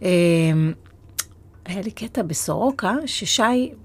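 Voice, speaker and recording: A woman's voice: lowish voice, animated, a loud crowd. A middle-aged woman hosting a podcast, telling stories in an earnest, hesitant conversational way. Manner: earnest, storytelling with frequent hesitations. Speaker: podcast host.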